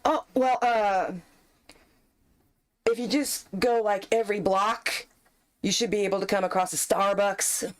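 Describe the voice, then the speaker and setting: A woman's voice: mid-range voice, steady tone, a little slow, long pauses. A woman narrating as game master in a tabletop game, in a playful, giggly way.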